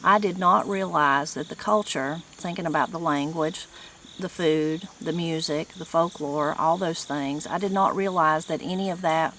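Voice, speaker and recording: A woman's voice: deep voice, normal speed, a bit bright, slight background noise. A middle-aged woman from western North Carolina with a strong Appalachian mountain accent, talking informally and folksily to her viewers. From western North Carolina, United States. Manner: folksy, with regional turns of phrase. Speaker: online channel host and presenter. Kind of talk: informal talk to camera.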